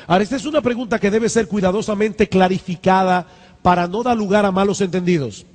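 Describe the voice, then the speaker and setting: A male pastor delivers a sermon with a high, bright voice, repeating his points for emphasis and pressing them home with rising fervor. His words ring out with a long reverb from the church hall around him. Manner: emphatic preaching with repeated lines and rising exhortations.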